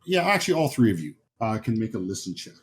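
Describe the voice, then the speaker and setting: Speaking fast and very animatedly in a fairly low voice, a man runs a horror tabletop roleplaying game as game master, describing the scene conversationally. Music sits behind his voice, along with slight background noise.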